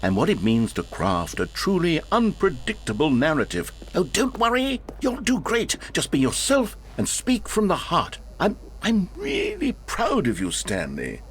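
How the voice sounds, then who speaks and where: A fawning game narrator with a swooping voice. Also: male voice, a little high, huge pitch swings, unhurried, hardly any pauses, exaggerated voice. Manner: effusive, coaxing and gently patronizing. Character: doting, flattering male narrator of a game. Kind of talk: scripted video game narration.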